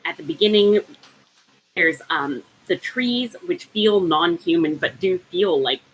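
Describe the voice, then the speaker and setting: A woman's voice: fairly low pitch, animated, a little slow, a little hiss or hum, poor audio. A woman on a casual book discussion podcast, making a long, careful argument with frequent ums and restarts. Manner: analytical, argues at length with many ums. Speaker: podcast co-host.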